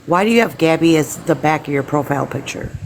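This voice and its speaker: A woman's voice: deep voice, fast, noisy background. A woman in her fifties on a live-stream panel, blunt and profane as she accuses someone. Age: 50s. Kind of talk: heated live-stream argument.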